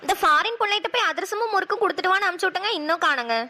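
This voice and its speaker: Woman doing a high, bright, wailing village mom, kanyakumari tamil accent, dry close mic. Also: lively intonation, very fast, no echo, full character voice. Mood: worried. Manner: wailing, scolding. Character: distraught village mother, shrill and stubborn. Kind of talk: cartoon voice acting.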